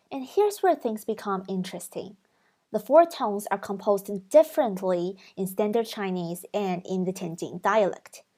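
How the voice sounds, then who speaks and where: A woman hosts an educational video, reading a scripted explanation at a steady middle pitch. She talks clearly and carefully, sounding out example syllables to show the tones. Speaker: language video host.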